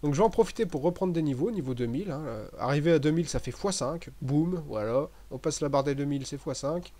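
A man giving relaxed, chatty commentary over a game he is playing, with many fillers and restarts. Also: on the high side, quick pace. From French-speaking. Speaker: gaming commentator. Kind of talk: casual gameplay commentary.

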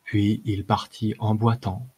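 A man narrating a fantasy short story as an audiobook reader, measured, with the odd hesitation. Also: lowish voice, level tone, a little mellow, slightly rough. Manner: measured reading with occasional filler hesitations.

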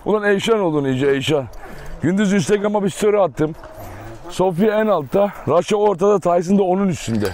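A man's voice: high voice, lively intonation, brisk, darkish tone. A man vlogging casually from an outdoor dog yard, chatting to viewers and coaxing and teasing his dogs. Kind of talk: casual vlog talk to viewers. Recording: outdoor clip with noise and barking.

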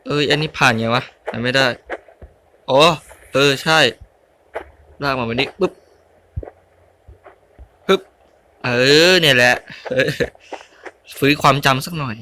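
A man's voice: mid-range voice, a little slow, long pauses, pushed and bright, slight background noise. A young man giving casual let's-play commentary, muttering, grunting and exclaiming as he plays. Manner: mutters and grunts while playing, exclaims at mistakes. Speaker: gaming YouTuber.

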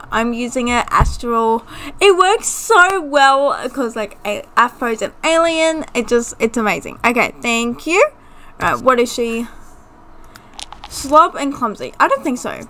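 A high-voiced woman chattering through a life-sim game, her pitch leaping up and down as she giggles and gushes. She talks casually into a desktop mic, excitable and chatty. Her voice swings from soft asides to squealing highs. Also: a little hiss or hum. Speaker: gaming video host. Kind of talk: casual gameplay commentary. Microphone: desktop USB mic.

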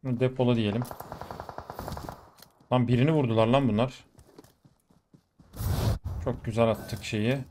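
Excitable man commentating a shooter game. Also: mid-range voice, unhurried, pauses often. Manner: excitable, swears and exclaims mid-fight. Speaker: gaming YouTuber. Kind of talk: live gameplay commentary. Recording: faint game noise behind. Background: gunfire from the game.

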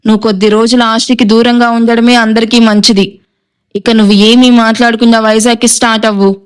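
A woman's voice: on the high side, little pitch movement, a little fast, clear, resonant tone, natural voice. A woman voicing a stern, hot-tempered young man who gives clipped, cold orders to his younger brother.

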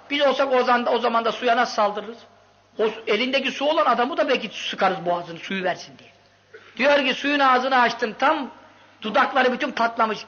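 A man preaching a sermon with impassioned storytelling, swinging from loud outbursts to hushed lines. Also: extremely high pitch. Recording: dull lo-fi recording.

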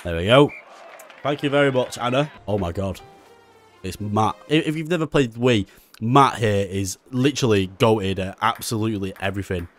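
Young man, gameplay commentary, excitable, swears a lot, faint music behind. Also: fairly low pitch, normal speed. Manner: excitable, swears a lot, frequent frustrated outbursts. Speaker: gaming YouTuber.

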